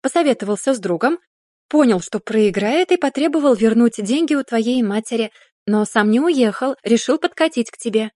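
A woman's voice: on the high side, animated, moderate pace, darkish tone, no echo, clean studio sound. A woman reading the part of a hot-tempered young boxer who talks down to the heroine in an audiobook. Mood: urgent. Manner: pushy, condescending.

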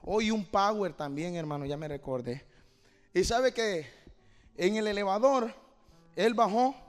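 A man pastor preaching a sermon, moving from quiet talk to shouted fervor and often calling the listener "mi hermano". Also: sits high, measured pace, faint music behind. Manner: peppers lines with "mi hermano". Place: church hall. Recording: long hall reverb.

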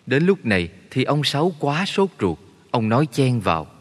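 A man narrating a story in a steady, measured way. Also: medium pitch. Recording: long reverb.

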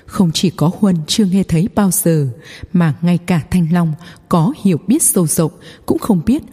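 A woman narrates a fantasy story from a script. Her voice sits a little low, with a dark, soft tone and a husky edge. Long reverb trails behind the narration. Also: normal speed. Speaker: audiobook narrator.

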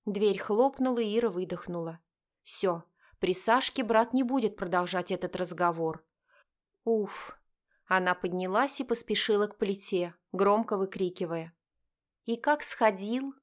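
A woman narrating an audiobook in an even, measured storytelling manner. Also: medium pitch.

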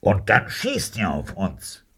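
A man's voice: deep voice, wildly swooping pitch, slow, fairly bright tone, husky, pitched above the performer's own voice, full character voice. An audiobook narrator voicing a wary adult male gangster who speaks curtly over a telephone.

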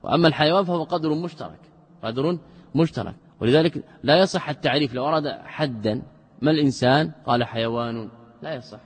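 A man giving a classroom commentary on a text. He reads a line, then explains it slowly, repeats himself and puts questions to his students. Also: a little high, breathy edge, big-room sound. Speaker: religious scholar teaching logic.

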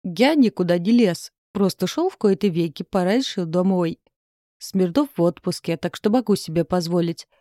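A woman's voice: on the low side, animated, normal speed, mellow, no room sound, clean studio sound, lightly acted. A woman voicing a blunt, grumbling young office worker in an audiobook. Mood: indignant. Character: brash young male office worker, nasal. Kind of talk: audiobook reading.

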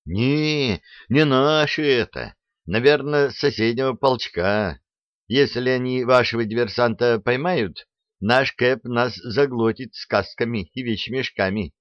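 A man's voice: mid-range voice, unhurried, no room sound, pitched above the performer's own voice, close to an everyday voice. A man voicing a nervous young soldier who rambles anxiously, on a dull, dry, lo-fi recording. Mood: worried.

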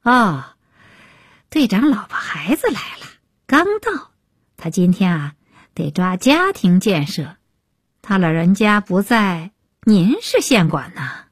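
A brash young soldier full of sarcasm, drawling his cheeky replies, as a woman reading the story puts him on. The voice leaps up and down in pitch and sounds a little husky, close and dry, like a storybook reading. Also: very animated, slow, long pauses, no room sound, heavily acted. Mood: mocking.

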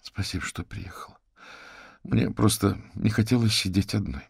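A man's voice: fairly low pitch, normal speed, gravelly, slightly rough, no room sound, clean studio sound, voice pushed up, full character voice. Man voicing a shaken, tired young woman. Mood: subdued. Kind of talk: audiobook character reading.

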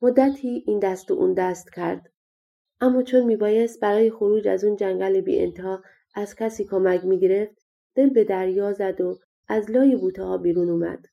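Woman reading a fairy tale out loud, gravelly voice, casual spoken style. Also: medium pitch, dull audio. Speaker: audiobook narrator. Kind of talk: scripted storybook narration.

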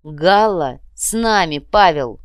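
A grim warlord, played by a woman narrator, giving loud, assured commands in an audiobook. His tone is firm and weighty. The recording is close and dry. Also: lowish voice, fairly quick, smooth, no room sound, natural voice. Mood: commanding.

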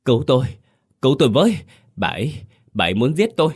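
A man's voice: mid-range voice, animated, a little fast, pitched above the performer's own voice, close to an everyday voice. A man voicing a guilt-ridden, terrified man who pleads in panic.

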